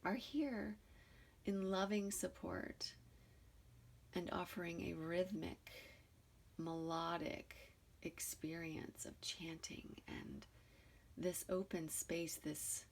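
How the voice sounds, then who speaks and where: Speaking at a fairly low pitch with big pitch swings, a woman leads a guided meditation. She is soothing and deliberate, pausing between short phrases and softening their endings with breath.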